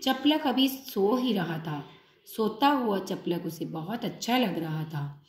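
A woman's voice: medium pitch, lively intonation, slow. A woman teacher reading a storybook lesson aloud and patiently retelling each line in simpler words. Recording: echoey room.

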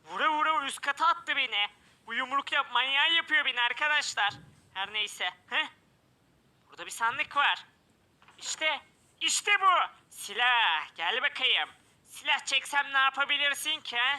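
Male gameplay commentator, very high, sharp tone, keeps yelping in alarm. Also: moderate pace. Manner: exclamatory, often crying out in alarm. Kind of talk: excited let's-play commentary.

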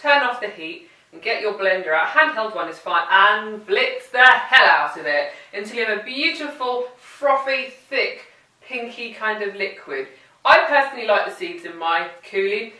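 A woman runs a playful, chatty cooking demonstration at home, speaking to the food as she cooks. Her mid-range voice has lively intonation, normal speed, and a bright, forceful tone. The roomy kitchen is picked up by a mic at a distance.

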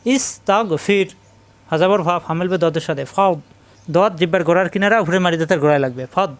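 High-voiced man drilling Quran spelling. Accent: Bangladeshi Bengali. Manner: slow, repetitive syllable drilling. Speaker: Quran reading teacher. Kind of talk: step-by-step spelling lesson.

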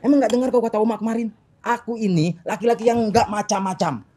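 A woman's voice: on the high side, fast, dark tone, close to an everyday voice. A woman playing a young husband with a Medan accent who keeps pleading and protesting against his jealous wife in a comedy sketch. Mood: exasperated. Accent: Medan Indonesian.

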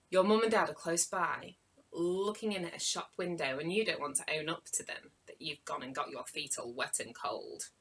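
A woman, a children's author, telling a story to young children with dramatic gasps and hushed asides. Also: sits low, moderate pace, breathy edge.

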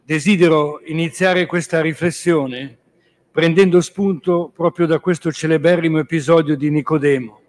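A man, a priest, giving a spiritual reflection on scripture. He speaks in a measured, reflective way and keeps restating his points. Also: on the high side, fairly even intonation.

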